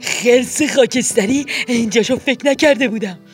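A woman voicing a jolly, joke-loving hyena father posing as a human, loud and drawn-out. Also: medium pitch, faint music behind, lightly acted. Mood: jokey.

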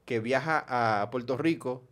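On his podcast, a man chats casually and tells humorous stories, frequently laughing and imitating voices as he goes. He talks at a medium pitch and a normal speed.

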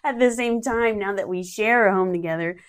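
A woman's voice: medium pitch, brisk, clear, resonant tone. A woman guest on a podcast, speaking in a reflective, frank and easygoing way about her relationship. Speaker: podcast guest, bookstore co-owner. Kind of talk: casual conversational interview.

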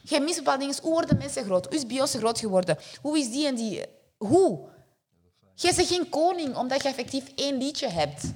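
A young woman, chatting as a radio guest and talking with lively animation. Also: sits high, fairly quick. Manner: animated, mimics people she quotes. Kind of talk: casual chat.

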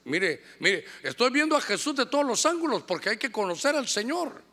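A Honduran pastor preaching with a high, bright, ringing voice, acting out what church members say. He is a man with a Honduran Spanish accent, and his sermon carries long reverb from a big church hall. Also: very animated, fairly quick.

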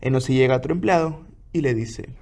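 A man narrating a scary story in a measured, steady way. His voice sits at an ordinary pitch for a man. The delivery is scripted and even.

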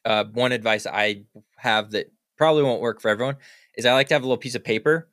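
A man hosting a podcast in casual chat, relaxed and quick to laugh lightly, with short agreeing replies. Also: medium pitch, no room sound, studio quality. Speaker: podcast host.

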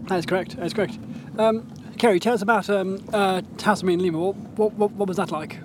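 A man's voice: sits high, steady tone, fast. A man hosting a casual chat in a car, laughing and stumbling over his words. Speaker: host. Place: in a car in city traffic. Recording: car and street noise.

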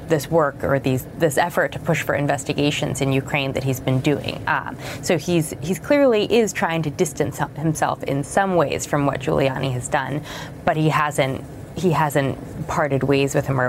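A woman reporter explaining her reporting in a news interview, measured and explanatory with occasional fillers. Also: sits low, slight background noise. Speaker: newspaper reporter as guest.

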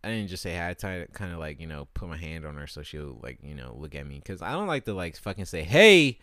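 A man's voice: extremely low pitch, expressive, quick pace, dry recording, clean studio sound. A young man delivering a crude, rambling, exasperated comedic rant to camera with lots of fillers. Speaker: vlogger.

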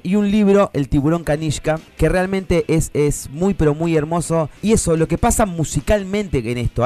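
A man with a fairly high, slightly mellow voice hosts a relaxed radio conversation about children's music. He speaks Rioplatense Spanish with enthusiasm, using lots of fillers and restarting his sentences.

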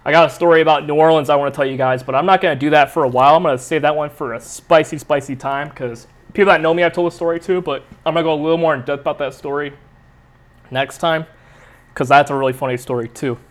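A man's voice: a little high, fairly even intonation, quick pace. A young man hosting his own podcast, telling a rambling, profane, self-mocking story in casual chat. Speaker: podcast host. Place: San Diego area.

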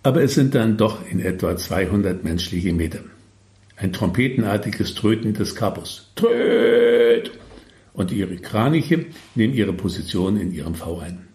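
Low-voiced man reading a wry story. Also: animated, moderate pace, a little mellow, reverberant. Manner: wry, tongue-in-cheek asides. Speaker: author reading his own story. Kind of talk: humorous storytelling.

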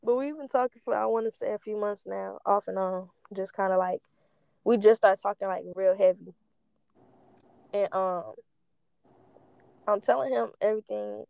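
A woman's voice: mid-range voice, normal speed, gravelly, pauses often, a little mellow, clean tone, dry recording, low-quality recording. A young woman telling personal stories casually, stoned and rambling, losing her thread, with candid slang and free swearing.

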